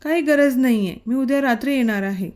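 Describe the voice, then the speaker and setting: A woman's voice: high-pitched, a little fast, natural voice. Fussing caring young wife, read by a woman. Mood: annoyed. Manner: soft, fussing.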